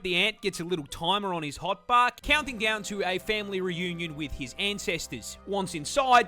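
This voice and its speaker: A man's voice: sits high, pushed and bright. A man delivering scripted comedic nature narration in an exaggerated, sweary style. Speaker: video narrator.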